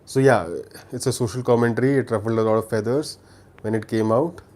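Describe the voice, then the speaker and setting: A man from India with a Telugu accent recommends films on a livestream, speaking briskly at medium pitch with fairly even intonation and a slightly mellow quality. He chats casually, often repeating words and starting sentences again.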